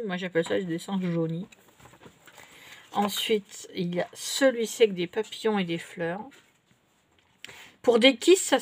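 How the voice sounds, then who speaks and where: A woman in middle age, her voice sitting at a medium pitch, talks through a shopping haul of paper and stickers. She is chatty and relaxed, trailing off and correcting herself as she goes. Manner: chatty and unhurried, many fillers and self-corrections. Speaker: vlogger showing craft purchases. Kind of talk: casual show-and-tell haul.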